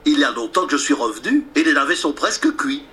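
A man's voice: fairly high pitch, very animated, fast talker, sharp tone. A man voicing a clever, stubborn little pig in a storybook reading, raising his voice to sound small and cheeky. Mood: defiant cheeky.

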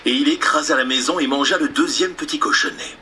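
A man reading a children's fairy tale aloud in a playful, expressive storytelling style. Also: fairly high pitch, fairly quick, very noisy.

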